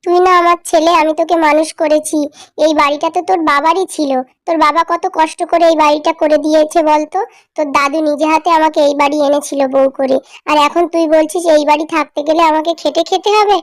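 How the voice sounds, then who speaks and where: Woman voicing a frail old cartoon mother, meek, pleading, soft, high voice, dry close sound. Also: steady tone, fast, no room sound, natural voice. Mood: aggrieved. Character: frail, meek elderly village mother-in-law. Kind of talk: cartoon voice acting.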